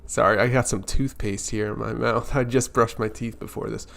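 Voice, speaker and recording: A man's voice: fairly low pitch, fairly even intonation, moderate pace, creaky, fairly bright tone. A man hosting a weekly live stream, talking casually and earnestly, reassuring viewers directly.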